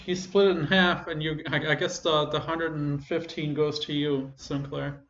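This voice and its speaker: Casual game master, roomy lo-fi sound. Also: male voice, a little high, level tone, fairly bright tone. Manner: casual and halting, many fillers. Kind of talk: narrating a tabletop game.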